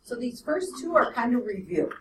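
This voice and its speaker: A woman's voice: fairly high pitch, sing-song, moderate pace, a bit bright, distant mic, a little hiss or hum. Woman teaching math in an echoey classroom. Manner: explains step by step with frequent "okay?" and "right?" checks. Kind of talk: classroom lecture.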